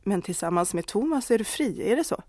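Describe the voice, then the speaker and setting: A woman voicing a husband who answers his wife's confession quietly and mildly, without anger. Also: mid-range voice, animated, dry recording, studio quality, close to an everyday voice. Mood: restrained. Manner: mild, quiet, restrained. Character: older husband, calm, mild, controlled.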